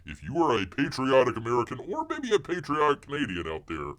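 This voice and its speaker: A man with a medium, fairly bright voice, huge pitch swings, and a slightly fast pace performs a comic monologue as a bumbling, blustery male bear who calls himself a woods veteran. The bear rambles, stammers, refers to himself in the third person, and keeps calling out to people.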